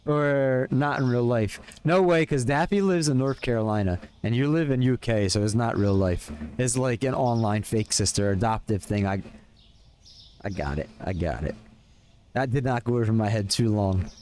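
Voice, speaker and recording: Here a young man from Pennsylvania, carrying a Philadelphia accent, casually rambles on to his stream viewers, friendly, chatty and filler-heavy. He speaks at a moderate pace with a medium-pitched, darkish voice.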